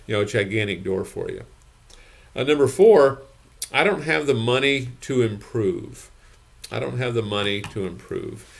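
A man's voice: medium pitch, creaky. An older man in his sixties, a gym business consultant, giving emphatic advice to camera from a home office, repeating his points and checking in with "okay?". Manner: emphatic, repeats phrases, frequent "okay?" and "you know".

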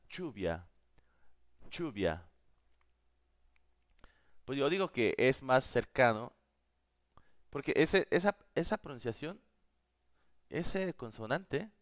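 Native Korean man, language teacher, live class, slow and patient, smooth dry close-mic sound. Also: medium pitch, no room sound. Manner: slow, patient explaining, repeating words several times.

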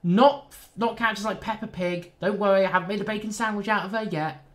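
A man's voice: high voice, fairly even intonation, fast. A man with a nasal southern English accent, chatting casually and joking at his own expense while narrating a train simulator run. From southern England. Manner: rambling, self-deprecating, jokey asides. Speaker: train sim YouTuber. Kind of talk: casual gameplay commentary.

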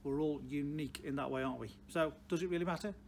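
Higher-pitched older man, Stoke accent. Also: quick pace. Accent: Stoke-on-Trent (Potteries). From Stoke-on-Trent, England. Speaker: car dealer presenting advice. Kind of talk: unscripted direct-to-camera advice talk. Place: large indoor car showroom. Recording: clear background noise, showroom ambience.

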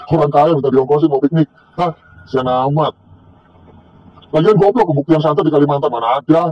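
Vlogger, male, middle-aged, husky, sneering and taunting, self-shot outdoors, muffled lo-fi sound. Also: a little high, moderate pace, pauses often. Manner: mocking, scornful, taunting with laughs. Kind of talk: casual rant to camera. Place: outdoors by a tree near a corn field. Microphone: self-recorded on a handheld camera or phone.

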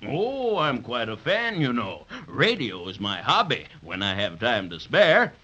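Casting: jolly old Santa, slow, lively, bright, chuckling; dull 1930s radio sound. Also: male voice, medium pitch, heavily acted. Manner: warm chuckling, slow and coaxing. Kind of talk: 1930s radio drama acting.

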